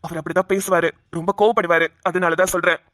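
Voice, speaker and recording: A woman's voice: on the low side, steady tone, fast, a bit bright, no room sound, studio quality, close to an everyday voice. A woman voicing an earnest young husband in a cartoon, who reassures his bride and defies his father. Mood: reassuring. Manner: reassuring, then defiant. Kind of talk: cartoon voice acting.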